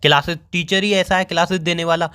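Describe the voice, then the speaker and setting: A man's voice: sits high, fairly even intonation, fast, pushed and bright, smooth. A man in his twenties complaining and joking in casual phone banter with his girlfriend. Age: 20s. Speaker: boyfriend on a phone call.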